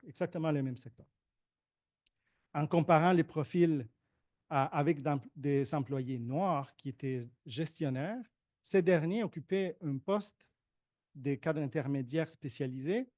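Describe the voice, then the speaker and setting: A man reading a prepared conference talk on statistics in a measured way, with occasional hesitations. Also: on the high side, a little mellow, dry recording, clean studio sound. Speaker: conference presenter, statistics analyst.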